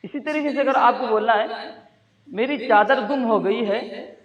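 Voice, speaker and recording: A man's voice: very high-pitched, a crowd in the background. A man teaching a class, prompting students for a phrase and then repeating and explaining their answers. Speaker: Arabic teacher. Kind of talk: classroom language drill. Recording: dull lo-fi classroom recording. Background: students in the room.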